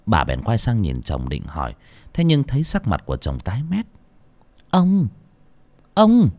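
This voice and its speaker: A man narrating a horror story in an expressive, dramatic style. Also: extremely low pitch, brisk, no echo. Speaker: audiobook narrator.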